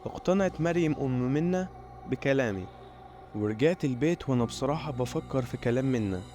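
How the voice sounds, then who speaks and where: A man with an Egyptian Arabic accent, narrating a scripted first-person horror story in a steady storytelling voice. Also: mid-range voice.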